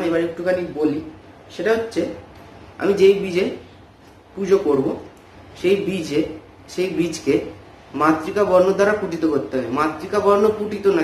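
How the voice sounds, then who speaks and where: Echoey man teaching a ritual method. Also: a little high. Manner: measured, chanting syllable formulas in a slow steady cadence. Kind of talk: explaining a ritual method, with Sanskrit verse recited slowly. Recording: echoey room with faint background noise.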